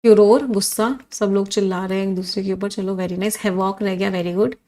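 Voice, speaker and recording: A woman's voice: medium pitch, moderate pace. A woman with an Indian accent teaching English vocabulary in a live online class, listing synonyms and reading out student comments. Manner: animated, reads comments and drills synonyms with students.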